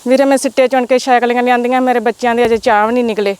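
A woman's voice: a little high, steady tone, racing, darkish tone, smooth. A young woman with a Punjabi accent from the Majha region, speaking in an interview outdoors, distressed and repeating herself. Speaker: fire victim interviewed. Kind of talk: emotional testimony. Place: outdoors in a village.

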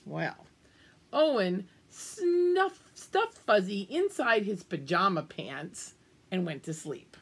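Slow and full of big pitch swings, a slightly rough mid-range female voice reads a picture book aloud to young children. The reader is an older woman in a small room at home who exaggerates her emphasis and adds friendly asides for her listeners.

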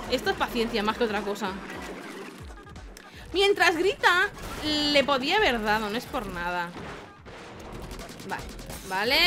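A woman from giving excitable let's-play commentary, shrieking and laughing as she plays. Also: high-pitched. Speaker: gaming YouTuber. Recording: game music loud under the voice. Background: game music.

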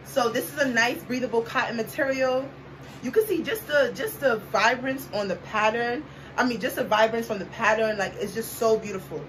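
With a fairly high voice at a normal speed, a young woman gives a casual try-on haul, hyping each piece with playful sass and the occasional sung snippet. The mic sits far away, and background noise comes through.

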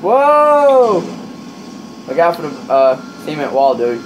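A man chatting casually while playing a trucking game with a friend, rowdy, swearing a lot, with loud excited outbursts. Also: on the high side, slow, music in the background, low-quality recording.

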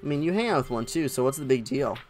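A woman's voice: rumbling low, expressive, fast talker, darkish tone, faint music behind. A woman voicing a laid-back, sardonic male guardian in a game, with a drawling, dismissive manner. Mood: wry.

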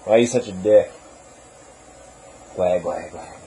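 A young man with a somewhat low voice rambles casually on a home vlog, filmed on a handheld camera. He teases his dog and mocks himself as he goes. A faint hiss sits under the recording. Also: a little slow, mellow. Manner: rambling, self-mocking, teasing the dog. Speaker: vlogger. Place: at home, indoors.

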